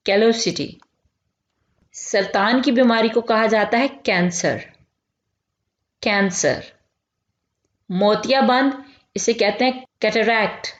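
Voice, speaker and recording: A woman teaching medical vocabulary, repeating each term slowly and clearly. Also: a little high. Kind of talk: vocabulary lesson. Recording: echoey, dull lo-fi room recording.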